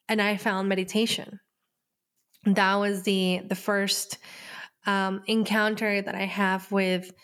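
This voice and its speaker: A woman in her thirties from Colombia, hosting a podcast and telling her personal story in an unhurried, reflective way with light laughs between phrases. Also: medium pitch. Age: 30s. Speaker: podcast host.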